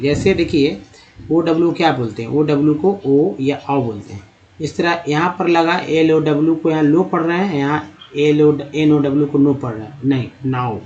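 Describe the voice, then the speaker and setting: A man teaching a spoken lesson over slides. He explains step by step, repeats words slowly and calls his viewers friends. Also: fairly high pitch, a little mellow, highs cut off. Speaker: English teacher.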